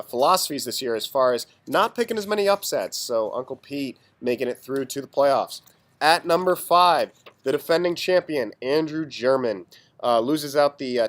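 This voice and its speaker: A man with a hoarse, under-the-weather voice hosting a casual video announcement of standings as a league commissioner, in an informal, mock-official sports announcer manner. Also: mid-range voice. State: hoarse, sick. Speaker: fantasy football league commissioner and host.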